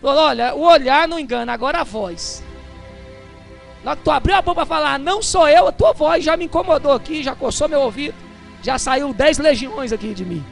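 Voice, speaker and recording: A man with a Brazilian Portuguese accent preaching a Pentecostal sermon, moving from chatty storytelling to fervent shouting. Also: extremely high pitch, a little fast, gravelly, faint music behind.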